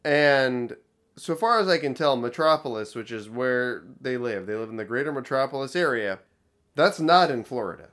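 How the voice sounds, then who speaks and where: A man co-hosting a podcast, talking in a wry, analytical, deadpan way in casual chat about a cartoon episode. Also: mid-range voice, normal speed. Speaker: podcast co-host.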